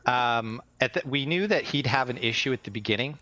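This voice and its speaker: Bright-voiced young man recapping a match. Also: medium pitch, brisk. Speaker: team player interviewed after match. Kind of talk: casual post-match interview.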